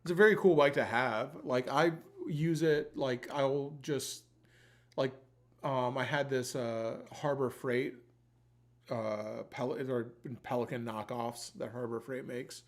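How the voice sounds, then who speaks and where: A man's voice: mid-range voice, steady tone, takes it slowly. A man hosting a giveaway livestream, chatting in a loose, rambling, informal way with plenty of swearing. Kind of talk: casual rambling livestream chat.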